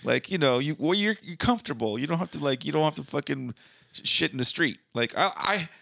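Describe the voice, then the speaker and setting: A man's voice: a little high, animated, fairly quick, gravelly, sharp tone, dry recording. A man co-hosting a podcast in casual chat, crude and laughing often, reading news stories aloud. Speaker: podcast co-host.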